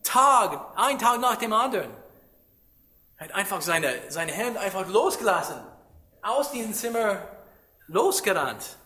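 Slow, bright-voiced male preacher. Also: high voice, sing-song. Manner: emphatic, rhetorical questions, non-native German with grammar slips. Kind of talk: sermon.

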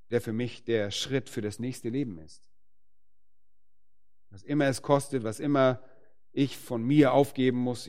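Emphatic male preacher. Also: mid-range voice. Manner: emphatic, rising to forceful peaks on key phrases; slows down to stress words. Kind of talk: sermon.

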